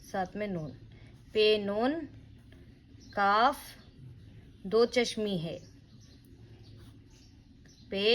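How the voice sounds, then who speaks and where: A woman's voice: mid-range voice, slight background noise, low-quality recording. A woman teaching a beginner reading lesson, spelling words out letter by letter and repeating them patiently. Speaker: Urdu teacher.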